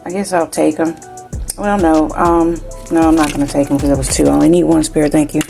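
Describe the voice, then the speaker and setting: Faint music plays under a woman's low, warm voice as she talks at a quick pace with a level tone and some vocal fry. A tarot reader from New Jersey who grew up in South Carolina, she carries a slight Southern country accent, keeps the spiritual card reading casual, and keeps asking "you know what I'm saying?"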